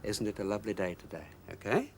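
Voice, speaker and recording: A man's voice: lowish voice, very animated, quick pace, a little hiss or hum. A man playing a patient, encouraging tutor giving a French lesson in a TV soap. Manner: encouraging teacher. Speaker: actor in a TV soap. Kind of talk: soap opera acting.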